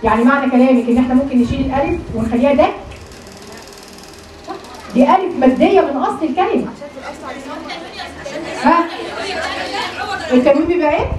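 A woman's voice: sits high, fast talker, pauses often, a little mellow, a faint crowd. A woman with an Egyptian accent teaching Quran recitation, questioning her students and drilling them on how letters are pronounced. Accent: Egyptian Arabic. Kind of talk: classroom lesson with drills. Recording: roomy, distant from the mic, chattering class behind.

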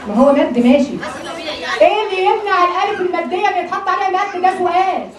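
An Egyptian woman with a high voice teaches Quran recitation to a class, asking questions and drilling pronunciation word by word. She sounds distant from the mic in an echoey room, with a crowd of students and loud background noise. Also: fast. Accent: Egyptian Arabic. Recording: roomy, distant from the mic, chattering class behind.

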